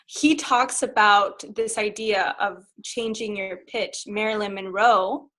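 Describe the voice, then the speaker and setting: A woman's voice: medium pitch, takes it slowly. A woman sex coach speaking frankly and openly in a conversational interview, often laughing as she tells personal stories. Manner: frank and animated, laughs while telling stories.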